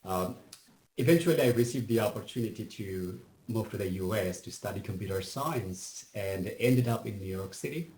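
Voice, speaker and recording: A middle-aged man from Bangladesh with a Bangladeshi accent, giving a measured, reflective personal testimony at a public event, pausing often with fillers. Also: fairly low pitch, darkish tone, echoey room, low-quality recording.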